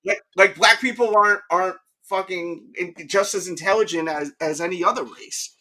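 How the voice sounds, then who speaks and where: High, bright-voiced man rambling in casual chat. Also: normal speed. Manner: rambling, keeps asking "you know what I mean".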